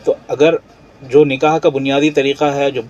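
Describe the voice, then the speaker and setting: A man's voice: medium pitch, level tone, darkish tone, lo-fi sound, faint music behind. A man, a religious scholar on a radio show, patiently explaining rulings step by step with everyday examples. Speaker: Islamic scholar guest.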